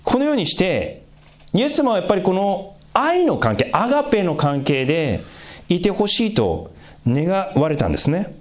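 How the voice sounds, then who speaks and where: Animated male pastor preaching. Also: moderate pace. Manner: conversational, asks the congregation questions; lively pitch swings for emphasis. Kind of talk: sermon.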